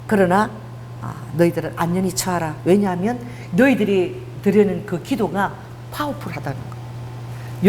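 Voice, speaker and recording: A woman's voice: medium pitch, a little mellow. A middle-aged woman pastor preaching a conversational sermon, telling personal stories and acting out the dialogue. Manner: conversational, mixes casual and polite speech, acts out dialogue. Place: church prayer hall. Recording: long hall reverb, faint hum.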